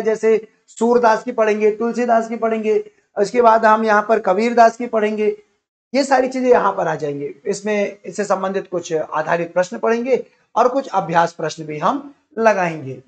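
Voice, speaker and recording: A man's voice: sits high, normal speed. A man teaching an exam-prep lecture, listing topics one after another and repeating key points as he explains. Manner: repetitive, explanatory, enumerating topics.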